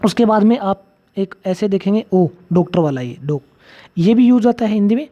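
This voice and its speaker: Man, grammar teacher, mellow warm tone, quizzes the class, repeats key points. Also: sits high, moderate pace. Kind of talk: grammar lecture for exam students. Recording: slightly dull lo-fi audio.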